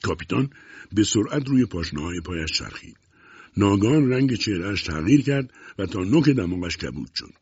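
A man narrating an audiobook in an expressive storytelling way. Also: lowish voice, slightly rough, no echo. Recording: dull muffled recording.

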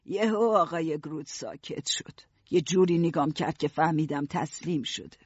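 A husky, slightly high man's voice reads a story aloud in the first person, steady and even. The recording is dry and dull, like a lo-fi studio. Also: no room sound. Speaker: narrator. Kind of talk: audiobook narration.

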